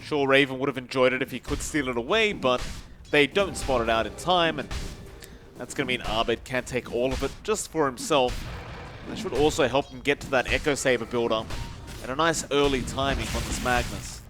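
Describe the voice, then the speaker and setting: A man commentating an esports match, calling the action quickly and rising in the fights. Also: mid-range voice, music in the background. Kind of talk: play-by-play commentary.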